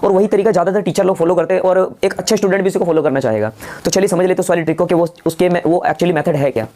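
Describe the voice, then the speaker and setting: A man teaching a math lesson online, often asking the listeners quick questions that he answers himself and calling them guys. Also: high voice, dark tone. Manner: rapid, quizzes listeners with rhetorical questions.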